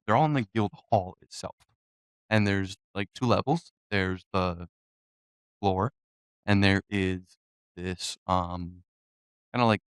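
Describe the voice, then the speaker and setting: A man runs a tabletop game as game master, taking his time and dropping in frequent "um"s. His voice sits low and comes through smooth and resonant, with a dry, close sound and no room around it. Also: dry recording. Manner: unhurried, with frequent "um" fillers.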